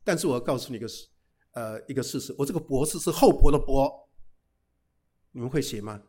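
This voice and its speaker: A middle-aged man, a pastor, giving a humorous sermon, telling lively anecdotes peppered with casual tag particles and English phrases. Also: medium pitch, a little fast. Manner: lively storytelling with frequent "哈" tags and English phrases.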